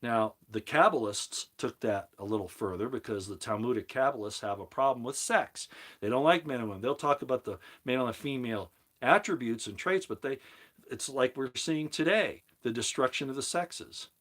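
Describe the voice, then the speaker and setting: A man's voice: medium pitch, normal speed, a bit bright. A man hosting a livestream, reading viewers' comments aloud and answering them in a rambling way, often restarting his sentences. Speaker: livestream host answering chat. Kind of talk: casual livestream talk on scripture.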